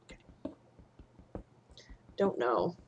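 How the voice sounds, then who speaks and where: Drawing out her words over dull audio, a young Midwestern gamer rambles casually on her stream. Swearing comes freely, and panicked outbursts erupt without warning.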